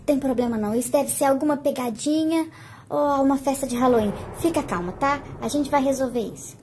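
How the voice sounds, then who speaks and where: Calm brave doll girl, high voice, reassuring , as a woman plays her. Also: a little fast, slight background noise, lightly acted. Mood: soothing. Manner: soothing, reassuring. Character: calm, steady young woman doll who reassures friends.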